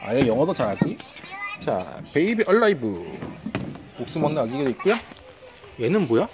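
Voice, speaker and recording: Low-voiced, lively woman reviewing toys. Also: fairly quick. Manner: exclaiming in wonder, chatty. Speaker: toy reviewer. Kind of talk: excited toy review vlog. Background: background music.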